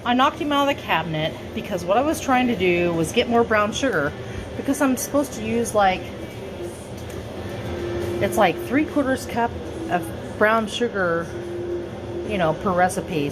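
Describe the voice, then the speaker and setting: A woman's voice: medium pitch, animated, normal speed, background noise. A tipsy, giggly drunk woman casually narrating her home cooking vlog, rambling, joking at her own expense and swearing casually. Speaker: home cook vlogger. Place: home kitchen. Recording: music playing behind the voice. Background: background music from TV.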